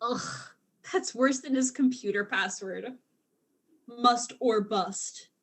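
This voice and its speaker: A woman's voice: on the high side, slow. A woman voicing a tipsy, flustered female alien diplomat who is secretly a spy, in a student audio drama, rambling and tripping over her words.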